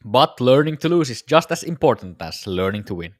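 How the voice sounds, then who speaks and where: A man's voice: mid-range voice, sing-song, brisk, dry recording, studio quality. A tired man casually talking to viewers during a live trading stream, his voice a little worn. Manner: laid-back, musing, talks to viewers. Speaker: day-trading livestreamer.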